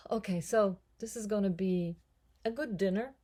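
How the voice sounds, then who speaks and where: A woman's voice: mid-range voice, unhurried, warm tone, slight background noise. A woman in her sixties chatting casually and mocking herself as she cooks at home, laughing often. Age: 60s. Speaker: cooking vlogger and actress. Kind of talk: casual home cooking vlog.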